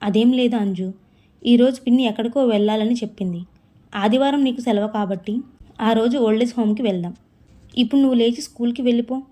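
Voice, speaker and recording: Storybook father, middle-aged, brisk and uneasy, read by a woman, slightly higher and quicker. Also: dark tone, close to an everyday voice. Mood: hurried. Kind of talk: storybook reading.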